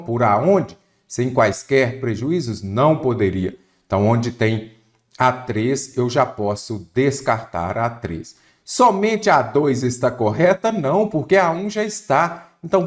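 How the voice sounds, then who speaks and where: Lively-voiced Brazilian teacher from Minas Gerais. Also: male voice, fairly high pitch. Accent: Brazilian Portuguese, Minas Gerais. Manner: didactic, asks and answers his own questions. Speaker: Portuguese teacher for exam prep. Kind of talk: online exam-prep lesson.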